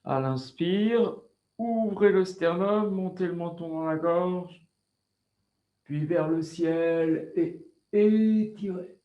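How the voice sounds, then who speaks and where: A man with a French accent leads a yoga class over a video call. His voice sits fairly high, and he paces his breathing cues slowly and calmly. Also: highs cut off. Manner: slow, calm breathing cues. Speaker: yoga teacher.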